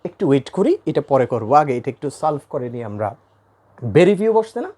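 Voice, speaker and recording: A man's voice: a little high, sing-song, moderate pace, dark tone. A man from Bangladesh teaching English grammar at a board, repeating key points and quizzing his students. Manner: repeats key points, asks the class questions. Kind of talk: classroom grammar lesson. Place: classroom with a board.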